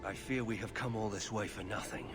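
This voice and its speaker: An actor playing a grave, guarded warrior of a fantasy order in a video game, speaking in a solemn, measured way. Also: male voice, fairly low pitch, music in the background, close to an everyday voice. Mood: solemn, resolute. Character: grave, guarded male Grey Warden warrior. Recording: clear background ambience noise.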